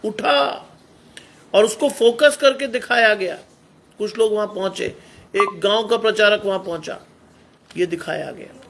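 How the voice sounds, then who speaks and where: Middle-aged guy preaching, high voice, keeps throwing questions at the congregation. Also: fairly bright tone, a little hiss or hum. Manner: exhorting, rhetorical questions to the congregation. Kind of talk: Hindi sermon.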